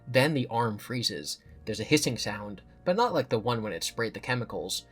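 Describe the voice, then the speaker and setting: A man's voice: mid-range voice, lively intonation, normal speed, a bit bright, husky, faint music behind. Man reading a horror storybook aloud. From US East Coast. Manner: playful asides between passages. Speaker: YouTube storyteller.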